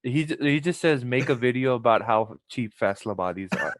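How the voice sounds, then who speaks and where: A man's voice: mid-range voice, animated, a little fast. A young man from Pakistan, a podcast guest, chatting casually and rambling with many restarts. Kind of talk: casual chat.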